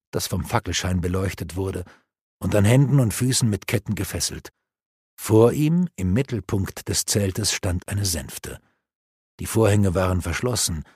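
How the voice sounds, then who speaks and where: A man narrating a fantasy audiobook in a measured, dramatic way. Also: deep voice, a little mellow, breathy edge, no echo, clean studio sound.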